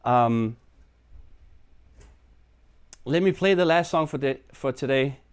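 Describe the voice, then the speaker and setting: A man's voice: medium pitch, slow, clean tone. Chatty man live-streaming. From Denmark. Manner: chatty, rambling, self-deprecating. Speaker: live stream host and musician. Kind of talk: casual live stream chat. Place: his own apartment.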